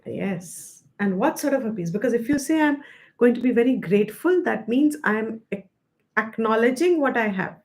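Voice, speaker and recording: A woman with an Indian accent teaching a scripture study class, explaining patiently, slowing down to stress key terms and mixing Hindi phrases into her English. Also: on the high side, expressive. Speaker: Vedanta teacher.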